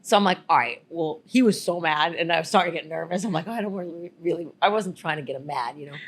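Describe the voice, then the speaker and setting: Giggly, breathy woman telling stories. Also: on the low side, quick pace. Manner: giggly, rambling, animated storyteller. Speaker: podcast co-host. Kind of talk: casual storytelling chat.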